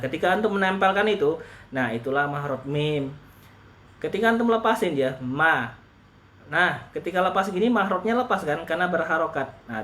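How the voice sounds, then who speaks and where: A man teaching Quran recitation in a relaxed lesson, patiently repeating rules slowly and demonstrating letter sounds. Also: medium pitch, a little hiss or hum. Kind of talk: relaxed online tajwid lesson.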